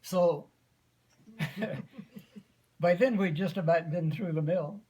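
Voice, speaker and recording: An American man in his eighties telling a folksy, unhurried story informally to family, often clearing his throat. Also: high-pitched, mellow. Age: 80s. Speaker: grandfather giving an anniversary speech.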